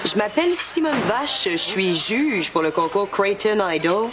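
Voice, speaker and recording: A woman's voice: mid-range voice, big pitch swings, measured pace, noisy background. Brash, flirtatious woman contest judge. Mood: brisk, imperious. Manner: blunt, gushing over looks. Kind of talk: TV sitcom acting.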